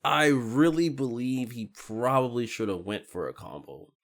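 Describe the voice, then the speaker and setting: A man hosting a casual match analysis, talking in an excitable, slangy way and laughing often. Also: mid-range voice, normal speed.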